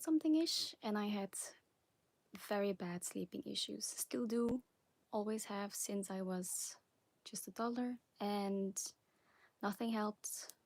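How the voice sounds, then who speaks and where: A young woman from Belgium with a Flemish accent, hosting a live question-and-answer stream, talking softly and often whispering, a little nervous. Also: medium pitch, no echo. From Belgium (Flanders). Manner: soft, partly whispered chat, nervous and giggly. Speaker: ASMR creator. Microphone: phone on a wobbly stand.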